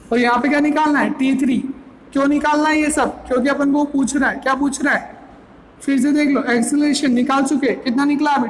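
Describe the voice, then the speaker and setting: High-voiced woman teaching step by step. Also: slight background noise, poor audio. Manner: keeps asking and answering her own questions; repeats each figure for emphasis. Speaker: physics teacher. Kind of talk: step-by-step lecture.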